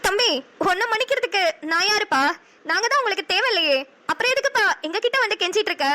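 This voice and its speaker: A woman's voice: very high voice, lively intonation, quick pace, pushed and bright, full character voice. A woman voicing a sorrowful, resigned middle-aged mother in a cartoon. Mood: mournful. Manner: mournful, resigned. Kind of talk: cartoon voice acting.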